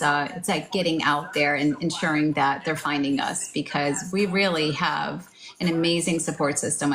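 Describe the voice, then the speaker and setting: A woman's voice: low voice, a bit bright, low-quality recording. A woman co-hosting a casual live online chat, talking in an encouraging, chatty way straight to her listeners. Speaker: co-host of a live online talk show.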